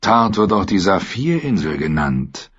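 A proud, cynical captive knight speaks in a dry, sardonic tone, quiet and low, as a male narrator plays him. The voice is husky, and the recording is dull and lo-fi. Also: big pitch swings, a little slow, heavily acted.

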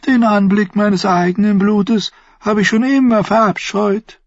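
A man voicing a fussy, nervous eunuch spymaster in a high, breathy voice in an audiobook. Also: a little slow, no room sound, dull audio. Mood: simpering. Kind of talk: audiobook character voice.

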